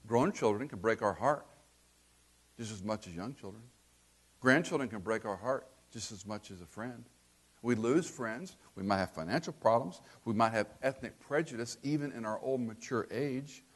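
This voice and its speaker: An older man preaching a sermon, asking rhetorical questions and acting out quotes. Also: medium pitch.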